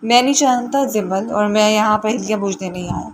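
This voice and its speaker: A woman's voice: medium pitch, background noise, lightly acted. A woman reading the part of a stern, angry young husband who talks in harsh, demanding bursts.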